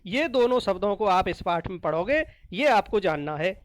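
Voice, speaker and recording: A woman teacher explaining a lesson to children, slowly repeating each word and asking questions that she answers herself. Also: medium pitch, expressive, no echo. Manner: slow and repetitive, asks questions then answers them.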